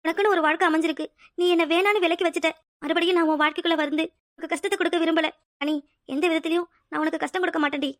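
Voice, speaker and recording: Lady doing a sad pregnant young woman in a cartoon, high voice, pleading. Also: steady tone, very fast, a bit bright, no echo, clean studio sound. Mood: heartbroken. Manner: pleading, tearful. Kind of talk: cartoon voice acting.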